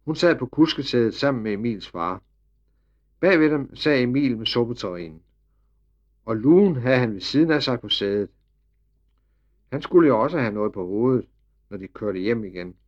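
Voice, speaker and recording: A man narrating a children's storybook with lively, expressive storytelling. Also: medium pitch. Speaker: audiobook narrator. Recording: slightly dull recording.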